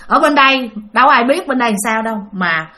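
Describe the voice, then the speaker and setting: A woman's voice: fairly high pitch, lively intonation, fast, sharp tone. A woman telling a ghost story, chatting directly to her listeners. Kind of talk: spoken ghost story narration.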